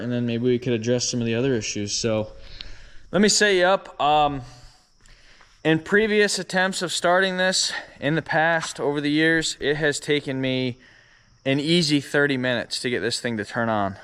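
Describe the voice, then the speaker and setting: A man chatting casually to the camera as a vlogger, relaxed and filling pauses with ums and uhs. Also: medium pitch, smooth, long reverb tail. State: out of breath after kick-starting. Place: outdoors by a driveway.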